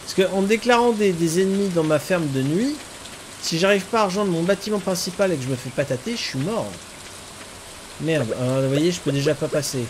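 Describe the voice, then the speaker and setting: A man's voice: sits high, lively intonation, brisk, noisy background. A man doing casual let's-play commentary, chatting and reading game text aloud, now and then swearing lightly. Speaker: gaming streamer. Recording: game music playing behind. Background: game music and rain sounds.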